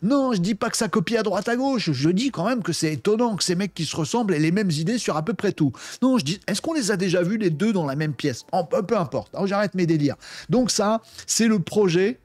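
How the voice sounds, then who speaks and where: A man hosting a casual tech news show, chatting and joking with many fillers and restarts. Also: fairly quick. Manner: lively, jumps high on asides.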